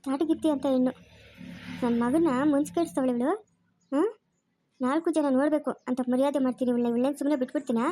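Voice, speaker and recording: A woman's voice: high voice, fairly even intonation, quick pace, pauses often, mellow, no room sound, clean studio sound, lightly acted. A woman voicing a distraught, bitter middle-aged village mother. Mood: furious. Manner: wailing laments and angry threats.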